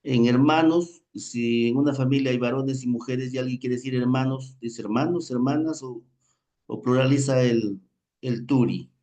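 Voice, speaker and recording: Polite man asking a question, mellow voice. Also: medium pitch, steady tone, moderate pace. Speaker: student teacher in class.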